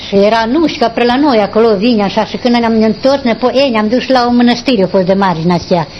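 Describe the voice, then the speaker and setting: An older woman, recalling her past in a rambling, halting way during an interview. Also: fairly high pitch, slight background noise. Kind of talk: oral history recollection. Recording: dull lo-fi recording.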